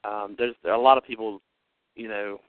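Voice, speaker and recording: A man's voice: lowish voice, steady tone, normal speed, slight background noise. A man hosting a podcast, talking casually over a phone line with chatty, rambling energy. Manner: chatty, upbeat, rambling with fillers. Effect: heard over a phone line. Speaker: podcast host. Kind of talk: casual chat. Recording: narrow phone-line sound, dry.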